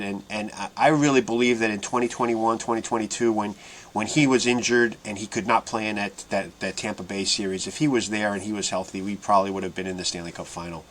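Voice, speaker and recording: Lower-voiced man hosting a fan podcast. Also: a little hiss or hum. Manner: asks his co-host questions, many restarts. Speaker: podcast host. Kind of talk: casual podcast chat.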